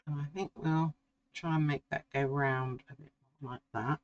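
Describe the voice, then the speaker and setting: A middle-aged woman, slowly talking through a drawing as she works and musing to herself. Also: sits low, steady tone, no room sound, highs cut off. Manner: slow, musing, talks to herself while drawing. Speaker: art tutor. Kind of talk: relaxed painting tutorial.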